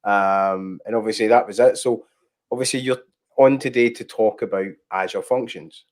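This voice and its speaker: A man's voice: on the low side, moderate pace. A man hosting a casual livestream chat, easygoing and full of filler sounds. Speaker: host.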